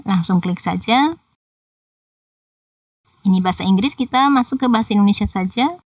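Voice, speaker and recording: A woman's voice: mid-range voice, normal speed, no room sound, far from the mic. Woman teacher, patient tutorial narration, a bit off-mic, dry sound. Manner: patient, explanatory, addresses viewers directly. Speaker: Japanese language teacher. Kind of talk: screen-recorded tutorial explanation.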